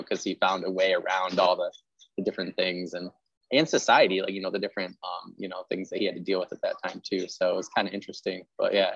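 A podcast host interviews a writer in a casual, agreeable, rambling way, using lots of filler words. His voice sits low, and the recording is dry and lo-fi.

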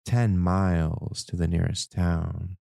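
A man performing a spoken-word poetry monologue as a host, with a dramatic, deliberate delivery in short measured phrases. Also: low-pitched, level tone, creaky, dark tone, no echo, studio quality. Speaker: podcast host.

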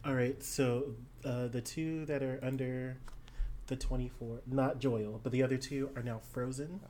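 Very low-voiced woman player, excitable and loud in reactions. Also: moderate pace, a little hiss or hum. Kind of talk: casual tabletop play.

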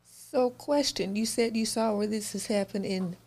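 Woman cohost chatting on a podcast, laughs easy, animated, mid pitch. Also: normal speed. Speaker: podcast co-host. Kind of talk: casual chat.

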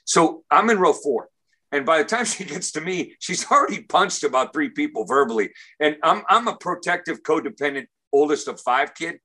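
A man in casual conversation, telling a funny story, animated and often repeating words as he starts sentences. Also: a little high, normal speed. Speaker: comedian and recovery speaker.

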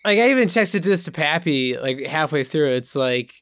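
A man's voice: on the high side, lively intonation, normal speed, fairly bright tone, no room sound, studio quality. A man in a casual movie-review chat, incredulous and saying "like" constantly.

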